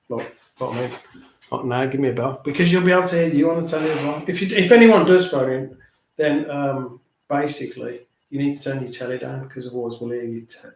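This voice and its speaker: A man's voice: fairly high pitch, vocal fry. A man hosting a live phone-in stream, chatting casually and waffling with matey slang. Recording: echoey room, faint noise.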